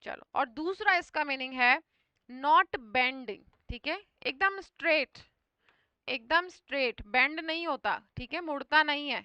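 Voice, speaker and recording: High bright voice, woman teacher explaining english words in hindi, dry close sound. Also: measured pace, no echo. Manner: often repeats "thik hai" to check understanding. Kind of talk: exam vocabulary lesson.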